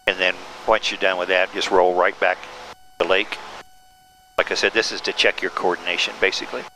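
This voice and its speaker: A man speaks over a pilot headset with a low, forward, bright voice and faint engine noise behind him. He works as a flight examiner, laying out instructions calmly and step by step from inside a small plane's cockpit. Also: a little fast, poor audio. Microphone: aviation headset.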